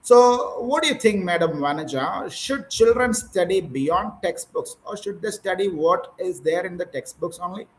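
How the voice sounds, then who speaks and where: A man's voice: sits high, expressive, normal speed, few pauses, a little hiss or hum, rough recording. A man with an Indian English accent running an online spoken English session for teachers, asking questions and coaching in an encouraging way. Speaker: English speaking trainer. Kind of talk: online speaking practice session.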